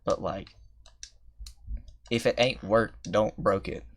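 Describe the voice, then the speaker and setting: A man's voice: on the low side, steady tone, slow pace. A young man talking casually to himself while playing a game, rambling and poking fun at his own skill. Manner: rambling, self-mocking, thinks aloud between attempts. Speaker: gamer streaming gameplay. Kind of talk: casual gameplay commentary.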